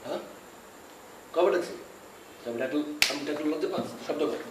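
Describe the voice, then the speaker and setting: A man's voice: a little high, a little fast, distant mic, very noisy, lightly acted. A man playing an irritated, scolding neighbor. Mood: shouting. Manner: scolding, shouting commands. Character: irritated young male neighbor, guitarist. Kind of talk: comedy drama acting. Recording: echoey room, mic from afar, music.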